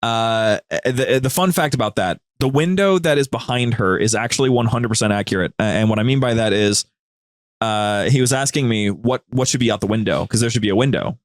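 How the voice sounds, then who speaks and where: The recording is dry and studio quality, and the man speaks briskly at medium pitch. As a guest on a podcast, and himself co-host of a media group's show, he explains things in a lively, storytelling style during casual interview talk.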